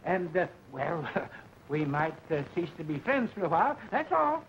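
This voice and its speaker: An actor playing a blustering, grumpy older father, pompous and halting, in 1940s screwball comedy film banter. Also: on the high side, sing-song, vocal fry, a bit bright, exaggerated voice. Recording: muffled, noisy 1940s film soundtrack.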